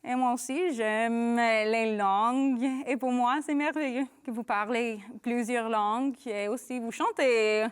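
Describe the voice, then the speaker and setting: Slow, clear-voiced woman host. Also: fairly high pitch, fairly even intonation. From Canada. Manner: slow, hesitant, many fillers. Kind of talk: hosting a Christmas talk show.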